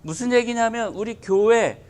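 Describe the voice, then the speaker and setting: A man's voice: very high-pitched, normal speed. A male pastor preaching a sermon, talking emphatically and asking the congregation many rhetorical questions.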